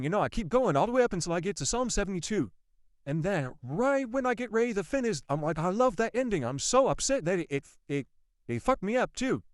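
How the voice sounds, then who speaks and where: Animated man telling a spooky story. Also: sits high, no room sound, clean studio sound. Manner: animated, repeats himself, swears, addresses viewers directly. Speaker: vlogger. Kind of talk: casual storytelling to camera.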